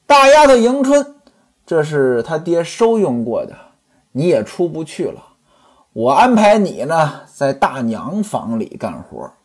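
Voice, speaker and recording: A male storyteller voicing a dying, gentle young wife as she hands out her belongings to her servants. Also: on the high side, husky, full character voice.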